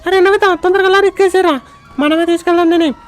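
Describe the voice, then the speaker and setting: Shrill cheeky cartoon boy, bossy and brash, high and monotone. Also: fast talker, faint music behind. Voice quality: shrill squeaky childlike. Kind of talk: fan-dubbed game story.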